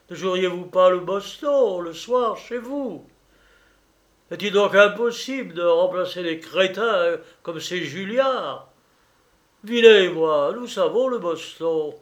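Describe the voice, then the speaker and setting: In a read-aloud novel, a man voices a blustering, flattering old retired army colonel, pitching the character above his own natural voice. The delivery is loud and emphatic.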